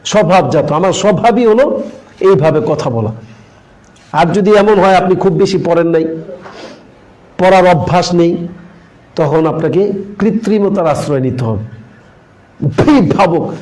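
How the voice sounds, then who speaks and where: A man's voice: high voice, darkish tone, poor audio. A man teaching a public speaking class, who repeats his points with emphasis and poses questions he then answers himself. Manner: emphatic and repetitive, asks questions and answers them; acts out sample recitations in a grand oratorical tone. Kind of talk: classroom lecture.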